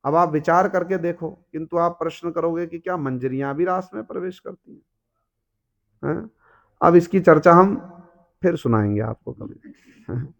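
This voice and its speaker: Man, high voice, devotional storytelling sermon, keeps quizzing the listeners. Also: moderate pace, creaky, long pauses. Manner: asks the audience rhetorical questions, acts out characters. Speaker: preacher.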